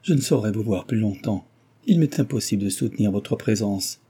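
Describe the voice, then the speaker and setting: A man's voice: animated, fairly quick, mellow, breathy edge. A male audiobook reader voicing a proud, distressed young woman heiress, pleading and emotional in tone. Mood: ashamed, agitated. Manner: pleading, emotional, high-strung. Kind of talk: audiobook reading.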